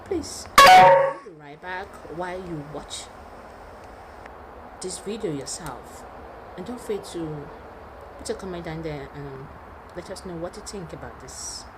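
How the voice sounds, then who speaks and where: A woman's voice: on the low side, animated, a little slow, pauses often. A woman hosting a video channel, introducing a clip and urging viewers to share it, pleading and repetitive. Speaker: channel host. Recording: noisy background.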